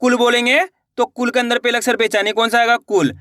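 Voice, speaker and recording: A man's voice: extremely high pitch, level tone, fast talker, sharp tone, dry recording, clean studio sound. A man teaching a lesson step by step, asking questions and answering them himself, with an Indian Hindi accent. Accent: Hindi-speaking India. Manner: repeats words, asks and answers own questions.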